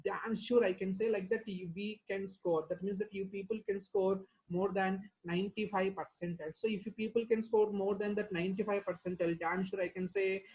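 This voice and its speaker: Woman, South Indian Telangana accent, online lecturer, medium pitch, repetitive phrasing, rhetorical questions, verbal tags. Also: steady tone, brisk, few pauses, a little mellow, poor audio. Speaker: chemistry teacher. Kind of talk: online exam-prep lecture.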